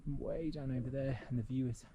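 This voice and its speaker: A man's voice: mid-range voice, steady tone, fairly quick, highs cut off, very noisy. Chatty man hiking a mountain trail. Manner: chatty, loose with fillers, talks while walking. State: out of breath on climbs. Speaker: hiking vlogger. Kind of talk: casual chat while hiking.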